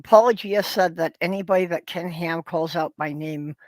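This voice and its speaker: A co-host in a casual livestream chat, relaxed and joking. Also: mid-range voice, normal speed, no echo.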